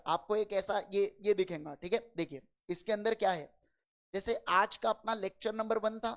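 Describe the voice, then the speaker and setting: A man lecturing an accounting class, firing quick questions at his students and addressing them in a fatherly way. He is a little unwell and talks slower than usual. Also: sits high. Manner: quizzes the class with quick call-and-response questions; fatherly, calls students "beta". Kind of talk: classroom lecture in Hindi and English.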